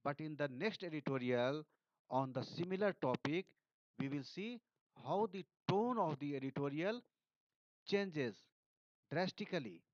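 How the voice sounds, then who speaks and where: Teacher, male, Indian English accent, slightly high voice, walks through editorials line by line, dull dry recording. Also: expressive, a little slow, pauses often, dry recording. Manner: reads passages aloud then explains word meanings. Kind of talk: editorial analysis lesson.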